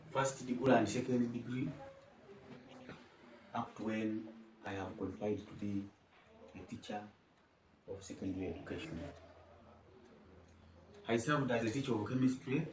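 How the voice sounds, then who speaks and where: A man, a head teacher answering interview questions in measured, formal phrasing. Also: medium pitch, darkish tone, slight background noise. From Uganda. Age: 50s. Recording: echoey room, mic at a distance.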